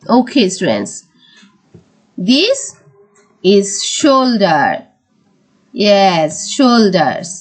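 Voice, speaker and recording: A woman teaching a primary school English lesson, mixing English words with Bengali explanations and drawing words out slowly. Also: mid-range voice, sing-song. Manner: slow, drawn-out word-by-word teaching. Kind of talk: recorded classroom lesson.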